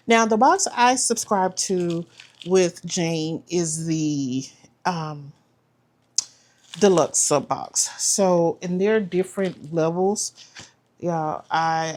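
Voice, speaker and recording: A planner vlogger with a lowish, slightly mellow voice chats casually while unboxing a planner subscription box. She trails off and restarts, saying "y'all" along the way.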